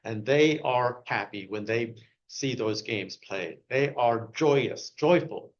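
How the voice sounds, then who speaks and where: A man giving a short speech at a club meeting, asking the audience one question after another and growing loud and excited at times. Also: mid-range voice, slow pace, muffled recording. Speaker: club speaker.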